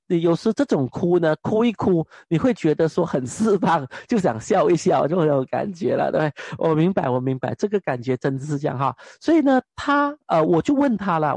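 Young guy preaching, high voice, keeps asking the crowd questions, dry close sound. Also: no room sound. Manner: animated, keeps asking the audience rhetorical questions. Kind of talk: sermon testimony.

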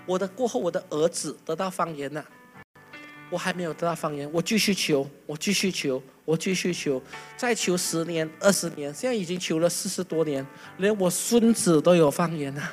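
A preacher voicing an elderly male church elder who speaks in a soft, lowered, plaintive way. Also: normal speed, soft background music, natural voice. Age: older.

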